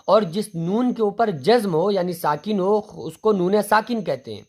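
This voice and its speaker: A man teaching a Quran reading class, explaining rules step by step and spelling out letters slowly, repeating each word. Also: high voice, expressive.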